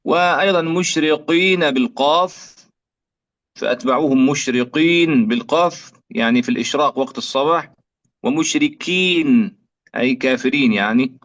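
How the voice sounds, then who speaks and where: A man teaching Quranic pronunciation, stretching out example words slowly to demonstrate each sound. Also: on the high side, fairly bright tone. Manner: slow drawn-out demonstrations of letter sounds. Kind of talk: tajwid lesson with recited examples. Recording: dull lo-fi audio.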